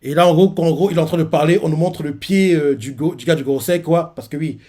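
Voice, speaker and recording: Halting man reacting to a manga. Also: fairly high pitch, mellow. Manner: halting, thinking aloud with frequent fillers and restarts. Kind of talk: live reading and commenting on a manga chapter.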